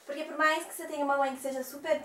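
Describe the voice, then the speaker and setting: A woman's voice: sits high, little pitch movement, racing, bright, forceful tone, slight background noise. A woman hosting an interview, supportive and finishing her guest's sentences. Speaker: interviewer, blog host. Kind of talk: casual interview chat. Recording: echoey room, voice from a distance.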